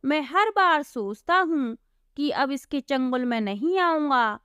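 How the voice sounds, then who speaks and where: A woman's voice: sits high, lively intonation, unhurried, fairly bright tone, no room sound, studio quality. A woman voicing Sonu, a poor, honest young laborer, sounding bewildered and protesting his innocence.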